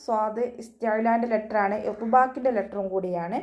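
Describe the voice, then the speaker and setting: A woman's voice: darkish tone, lo-fi sound. A woman teaching Quran recitation rules in an online class, patiently correcting pronunciation step by step. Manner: chants verses slowly and higher between explanations. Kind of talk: tajweed lesson with slow recited verses.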